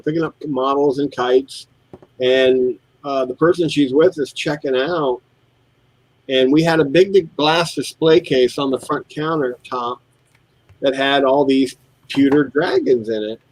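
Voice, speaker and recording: A man's voice: mid-range voice, dry recording, low-quality recording. A middle-aged man telling shop stories in a casual chat while building models and mimicking his customers. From United States. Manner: animated storyteller, mimics customers. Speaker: co-host.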